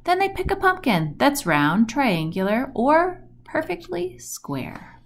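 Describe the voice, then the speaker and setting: A woman reads a rhyming picture book aloud for children. Her pace is slow and deliberate, and her pitch moves up and down with lots of animation. She leans on the rhymes and action words for dramatic effect. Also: very animated, a little hiss or hum. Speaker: storybook reader.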